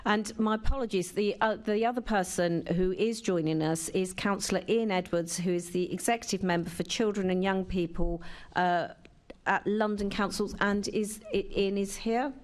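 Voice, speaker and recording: A woman's voice: mid-range voice, moderate pace. A woman chairing a council committee meeting in a chamber, running formal procedure with occasional hesitant restarts.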